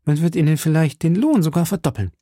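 A man's voice: on the high side, quick pace, warm tone, breathy edge, no room sound, clean studio sound, voice pushed up. A man reading an audiobook, voicing a captive noblewoman who pleads fervently and passionately. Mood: pleading. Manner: impassioned, pleading.

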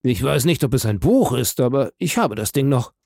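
A man's voice: medium pitch, lively intonation, moderate pace, gravelly, warm tone, no echo, studio quality. A man voicing a humble, eager old prison guide in an audiobook, speaking in a deferential, wondering way. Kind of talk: audiobook character reading.

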